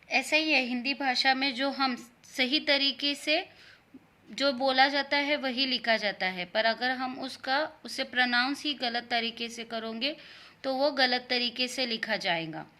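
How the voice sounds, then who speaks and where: A woman teaching a Hindi grammar lesson to young children, explaining patiently and repeating words slowly for her pupils. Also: fairly high pitch, pushed and bright.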